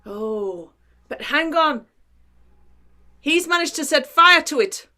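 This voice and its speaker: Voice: high voice, animated, takes it slowly, sharp tone, heavily acted. A performer voicing a worried leprechaun with a clumsy put-on Irish accent. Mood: fretful. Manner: fretful, clumsy brogue.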